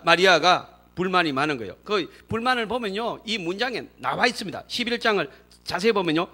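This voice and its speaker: A man preaching a sermon in church as pastor, animated and emphatic, acting out quoted speech. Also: high voice. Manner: acts out quoted speech in dramatic voices.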